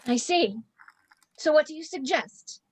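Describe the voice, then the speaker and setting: A woman's voice: sits high, lively intonation, a little slow, low-quality recording. A woman reading the part of a prim, indignant member of a village drama group. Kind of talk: amateur play reading. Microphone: video call.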